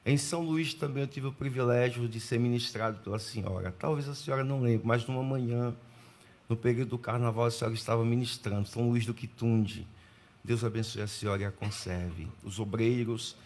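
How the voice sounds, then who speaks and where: A man from Pernambuco, Brazil, preaching as a guest at a church, greeting the congregation and reading scripture in a formal, deliberate way with measured pauses. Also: medium pitch, steady tone. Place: church sanctuary.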